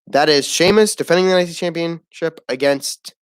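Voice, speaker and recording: A man's voice: fairly high pitch, fairly quick, clear, resonant tone, no room sound, studio quality. A man giving a casual, opinionated wrestling review, rambling, swearing and laughing at the show.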